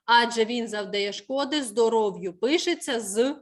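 A woman teaching a school lesson, giving brisk instructions and slowly spelling out words for the class. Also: fairly high pitch.

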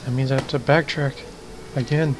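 A man's voice: medium pitch, steady tone, moderate pace, background noise. A man playing through a game, chatting casually and grumbling a bit. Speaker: gaming channel player. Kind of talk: casual gaming chat.

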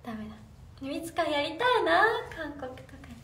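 A bubbly young woman with a high voice chats on a phone livestream, reading out fan comments and giggling as she answers. She sits a little off the mic in a roomy, echoing room with a faint hum of noise behind her. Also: big pitch swings, moderate pace, fairly bright tone, far from the mic. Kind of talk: casual livestream chat.

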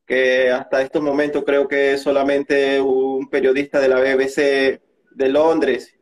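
A young man with a Venezuelan accent giving his testimony as a migrant and content creator in an interview, talking haltingly with many restarts. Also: medium pitch, little pitch movement, low-quality recording. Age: young adult.

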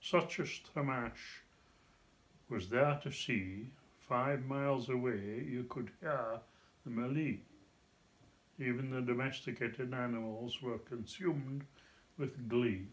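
An elderly man from North East Scotland with a broad Scots Doric accent, explaining things in a measured way in casual chat at home. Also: mid-range voice, low-quality recording. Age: 70s or older. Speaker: grandfather. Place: living room at home, seated in an armchair. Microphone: phone camera a short way off.

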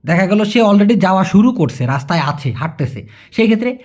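Coaxing man with a lively voice. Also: high voice, brisk. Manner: repetitive, coaxing, checks understanding often. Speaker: language teacher. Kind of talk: explaining Malay vocabulary to viewers.

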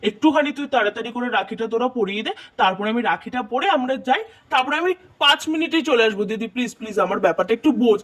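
A performer voicing a hurried younger brother who coaxes and pleads with his sisters in a doll puppet show. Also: mid-range voice, animated, fairly bright tone. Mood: coaxing.

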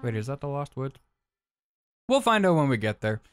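A man's voice: medium pitch, very animated, normal speed, heavy background noise. A young man co-hosting a let's play, chatting casually and rambling, swearing freely and joking as he plays. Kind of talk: casual gameplay chat.

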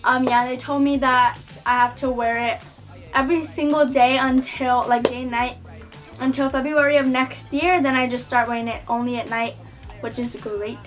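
A woman's voice: high voice, fairly even intonation, moderate pace, faint music behind. A young woman vlogger chatting casually to camera, with a slight lisp from wearing a retainer. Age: teens to young adult. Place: small bedroom indoors.

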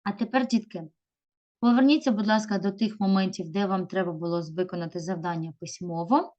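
A woman teaching a video lesson to young pupils, drawing words out slowly and calling them children. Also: mid-range voice, fairly even intonation, muffled recording. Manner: slow, drawn-out stressing of words; addresses pupils warmly as children. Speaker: primary school teacher.

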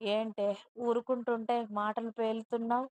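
A woman's voice: on the high side, little pitch movement, normal speed, a little mellow, clear, resonant tone, dry recording, lightly acted. A woman reading a harsh domineering husband. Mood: furious. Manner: bossy, scolding and threatening. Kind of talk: storybook narration with dialogue.

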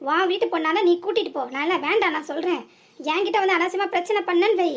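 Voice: very high-pitched, fast. A voice actor playing a confrontational young cartoon hero who threatens the men blocking him, with a southern Tamil accent. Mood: defiant. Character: bold young man defending a girl. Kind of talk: cartoon voice acting.

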